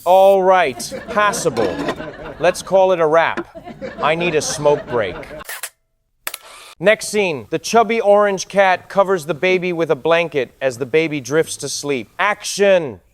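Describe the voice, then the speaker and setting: A man's voice: on the high side, lively intonation, unhurried. A man playing a film director on set, calling cut and again in a bossy, exasperated way. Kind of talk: scripted comedic narration.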